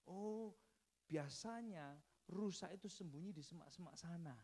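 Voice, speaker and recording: A man's voice: high voice, unhurried, a little mellow, husky, heavily acted. A man doing a sly chatty squirrel.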